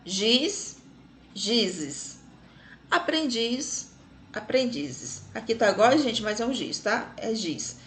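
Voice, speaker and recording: A woman's voice: fairly high pitch, a bit bright, slight background noise. A Brazilian woman teaching grammar rules, explaining patiently and checking in with "ok?" after each point. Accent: Brazilian Portuguese.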